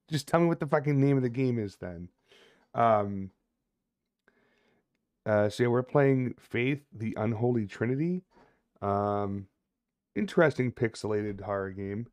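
A man's voice: medium pitch, expressive, measured pace, pauses often, darkish tone. A man in his thirties giving casual, sweary commentary on a horror game livestream. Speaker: game streamer. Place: indoor room at a streaming desk.

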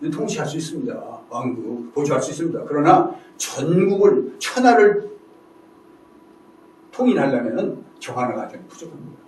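A man voicing a selfless, earnest ancient minister who pleads with his king, recorded from a distance in an echoey room. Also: a little high. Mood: pleading.

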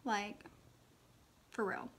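A woman hosting a casual unboxing vlog, gushing and giggling, often muttering softly to herself as she opens things. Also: extremely slow, noisy background. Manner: excitable, giggly, gushing exclamations. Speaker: channel host.

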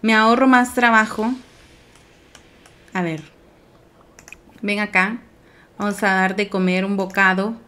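A woman giving casual let's play commentary, talking to herself and her viewers, rambling and breaking into high squeals over cute things. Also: fairly even intonation, slow, pauses often, bright, forceful tone. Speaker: game streamer.

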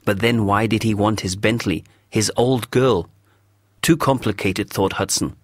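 A man narrating a story for English learners in a measured, clear storytelling voice. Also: lowish voice, no room sound, clean studio sound.

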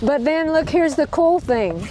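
An upbeat woman teaches knots outdoors in a park, repeating each step and checking in with a quick "okay?". Her high-pitched voice is expressive and a little slow, and the rough recording picks up crowd noise during this hands-on demonstration.

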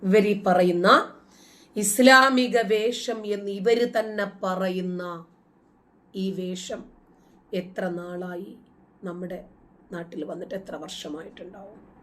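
Scornful Malayali woman, slow and mocking. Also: mid-range voice, steady tone, fairly bright tone, slight background noise. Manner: scornful, with mocking rhetorical questions; chants quoted Arabic verses slowly. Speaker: host. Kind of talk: casual commentary.

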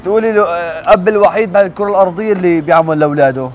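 A man's voice: high-pitched, racing, slight background noise, natural voice. A man playing an impatient grown son in a street drama, with a curt, dismissive way of talking. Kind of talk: amateur street drama acting.

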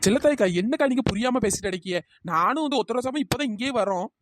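A woman voicing a sly, quick-witted young village woman who talks her way out of trouble, brisk and persuasive. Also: fairly high pitch, expressive, a little hiss or hum, lightly acted. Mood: scheming. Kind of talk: cartoon storytelling.

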